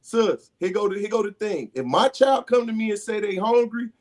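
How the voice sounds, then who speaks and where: A man in his forties on a debate panel, calmly lecturing and calling the host sis. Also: sits high, moderate pace, a loud crowd. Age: 40s. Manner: calm, lecturing, calls people sis.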